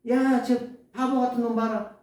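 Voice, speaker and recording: A man's voice: extremely high pitch, level tone, normal speed, a little mellow, voice pushed up. A man voicing a stern male judge who bluntly scolds mockers and condemns them, asking pointed rhetorical questions. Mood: scolding. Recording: echoey church hall, distant mic.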